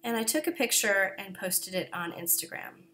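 A woman's voice: mid-range voice, expressive, moderate pace, sharp tone. Woman, knitting podcast host, casual chatty delivery, coughing, self-deprecating. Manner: chatty, self-deprecating, apologetic, with many fillers. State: coughing, throat-clearing. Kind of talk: casual chat. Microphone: camera.

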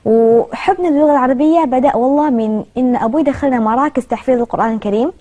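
A woman's voice: high voice, rapid-fire, warm tone. A young woman with a Kuwaiti Gulf Arabic accent, talking conversationally as a guest in a television interview. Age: young adult. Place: television studio.

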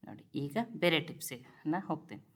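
A woman's voice: low-pitched, expressive, quick pace, fairly bright tone. A woman hosts a cooking channel from a home kitchen, showing kitchen tips and urging viewers to look and try them. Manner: instructive, keeps telling viewers to look and try.

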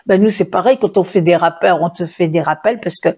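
A woman's voice: fairly low pitch, brisk, darkish tone, breathy edge. Friendly French woman interviewer. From Périgueux, France. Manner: friendly, encouraging, with frequent affirmations and laughs. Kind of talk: casual interview chat.

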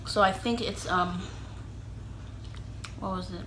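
A woman's voice: medium pitch, steady tone, slow, fairly bright tone, a little hiss or hum. A young woman, a mother from California, chatting casually with her mouth full while eating on camera, rambling with lots of fillers. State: talking while chewing. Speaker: vlogger, mother. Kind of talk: casual mukbang chat. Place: home, indoors.

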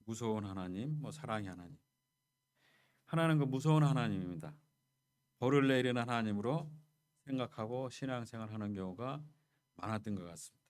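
A man's voice: medium pitch, lively intonation, brisk, long pauses, darkish tone. A male pastor preaching a Sunday sermon in a church, telling stories and speaking directly to the congregation. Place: church sanctuary.

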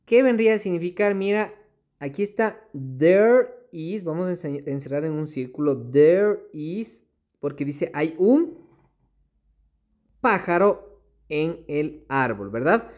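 A man teaching English to young children, reading slowly, repeating each point patiently and checking that they follow. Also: on the high side, expressive, a little mellow. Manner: reads English slowly word by word, then translates. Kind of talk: explaining a primary school worksheet.

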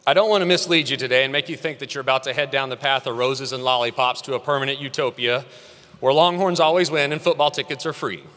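A man's voice: medium pitch, steady tone, quick pace, fairly bright tone. A man in his thirties from Texas giving an earnest, encouraging commencement address at a podium microphone in a large hall. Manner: earnest, encouraging, rising emphasis on key phrases. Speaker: commencement speaker. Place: large hall at a graduation ceremony. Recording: long reverb of a large hall.

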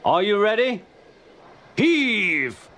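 A man voicing a big, proud express engine with a hearty, rumbling manner. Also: animated, measured pace, natural voice. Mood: jovial.

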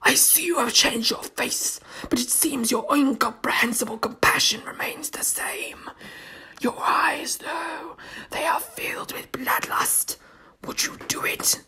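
A woman voicing a sinister shape-shifting alien creature in a sour, wet whisper, slow and menacing. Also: sits high, pushed and bright, pitched above the performer's own voice, low-quality recording. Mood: gloating.

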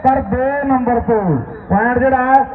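A man commentates on village kabaddi with a Punjabi accent, chanting and repeating his calls in verse. The pitch is very high and stays on one level, over a tinny, echoing sound heard from afar. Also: level tone, moderate pace, very noisy. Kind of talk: rural live sports commentary with chanted verse. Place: outdoor village sports ground. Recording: echoey, distant, tinny loudspeaker sound.

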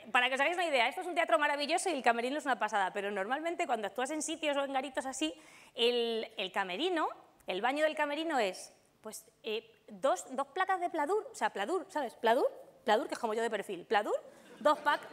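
High-voiced woman doing stand-up. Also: fast. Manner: lively storytelling, acting out quoted voices. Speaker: stand-up comedian. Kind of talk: stand-up comedy monologue. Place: theater stage with live audience.

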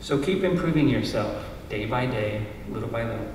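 A man's voice: mid-range voice, expressive, moderate pace, darkish tone, a little hiss or hum. A middle-aged man reading an earnest, encouraging commencement speech from notes at a stand mic on a stage. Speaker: university lecturer giving a commencement speech. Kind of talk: prepared speech read from notes. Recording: roomy hall sound, heard from a distance.

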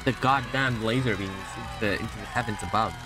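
A man's voice: fairly low pitch, a little fast, crowd noise. A young man streaming a video game, commenting casually with lots of sarcasm, swearing and laughter. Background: faint game music.

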